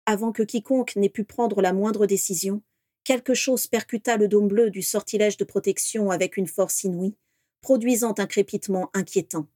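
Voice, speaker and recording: A woman narrating a fantasy story in a steady, expressive reading voice. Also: medium pitch, normal speed, no echo, clean studio sound. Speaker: audiobook narrator. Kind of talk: scripted narration.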